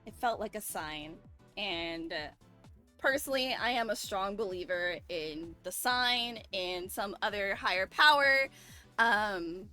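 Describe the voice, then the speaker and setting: A woman's voice: medium pitch, expressive, slow pace, bright, forceful tone. A young woman talking casually on a group stream, telling her story in an earnest, reflective way with plenty of "like". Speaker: member of a streamer group of artists. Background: background music.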